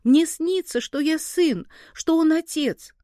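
A woman voicing a brooding, anguished young boy in a story reading, slow and pondering. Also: a little high, animated, a little mellow, dry recording, studio quality. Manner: slow, pondering, then crying out.

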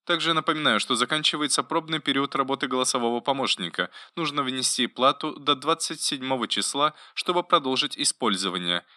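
Gentle caring female robot helper, voiced by a man, bright tone, dry close sound, polite and soft. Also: medium pitch, animated, a little fast, hardly any pauses, dry recording, voice pushed up. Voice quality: pleasant, solicitous voice. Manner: softly attentive, politely informative. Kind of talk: audiobook narration.

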